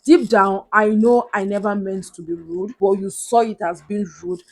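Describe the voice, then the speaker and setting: Talking directly to the camera at a normal speed, this young Nigerian vlogger offers motivational advice. Her loud, big voice sits at an ordinary mid pitch for a woman, and she drives home her message earnestly, repeating the main points again and again.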